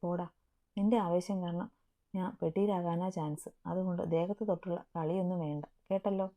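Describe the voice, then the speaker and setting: A woman voicing a playful, caring young wife in a storybook reading, a little raised and louder, with a narrow phone-like sound. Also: fairly low pitch, steady tone, fairly quick, natural voice. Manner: playful, coaxing.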